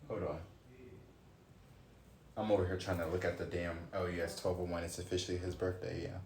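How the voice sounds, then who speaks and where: Reading cards on a livestream, a late-twenties man rants casually, swearing and exclaiming suddenly while he thinks aloud. He speaks fairly fast in a low, gravelly, darkish voice with a level tone. Slight background noise mixes with the faint ambience of an echoey room.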